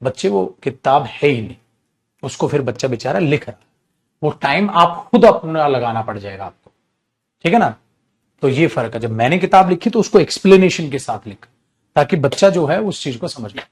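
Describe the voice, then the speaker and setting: High-voiced teacher scolding and coaxing. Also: male voice, lively intonation, moderate pace, a little mellow. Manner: addresses students as beta, scolding and coaxing; repetitive, list-like explaining. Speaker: English teacher. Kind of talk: online class lecture.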